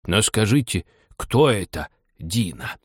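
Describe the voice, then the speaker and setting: A man reading a storybook aloud and voicing a prim, over-polite lory parrot in a slow, lowered voice. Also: sing-song, slightly rough, dry recording, studio quality, full character voice.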